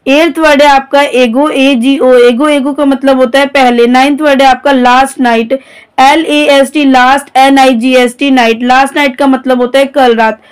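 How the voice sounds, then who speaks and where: Woman English teacher, high voice, smooth and resonant, spells words out letter by letter. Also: steady tone, moderate pace. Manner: spells each word letter by letter, then gives its meaning. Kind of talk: vocabulary lesson, spelling out words.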